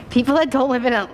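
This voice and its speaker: A woman in her twenties chatting casually to a handheld camera in a vlog, upbeat and talkative with quick asides. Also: on the high side, heavy background noise. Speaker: vlogger. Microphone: phone or camera held at arm's length.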